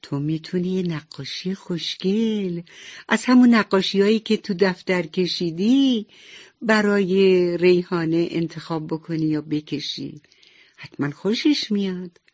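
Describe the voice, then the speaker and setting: A woman voicing a kind, motherly female nurse who speaks softly and reassuringly in a radio bedtime story. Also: on the low side, dull audio, voice pushed up, close to an everyday voice. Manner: soft, tender, reassuring.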